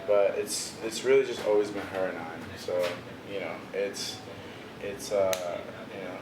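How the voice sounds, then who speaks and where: Low-voiced and unhurried, this laid-back young visual artist from the Washington DC area chats casually as an interview guest, leaning heavily on "bro" and "you know" as fillers. The recording was made in an echoey room with noticeable background noise.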